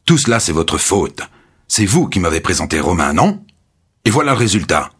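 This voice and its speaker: A man's voice: low voice, very animated, moderate pace, a bit bright, husky, full character voice. A man reading the part of an arrogant, bossy male publisher in a spoken story, with stern, curt commands.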